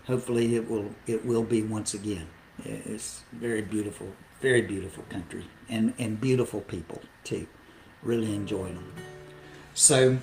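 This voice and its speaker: A man's voice: mid-range voice, slight background noise. An older man hosting his own podcast, telling a meandering, reflective story and chuckling at his own anecdotes. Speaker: podcast host and songwriter. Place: home room, livestream podcast. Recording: roomy echo, faint guitar behind.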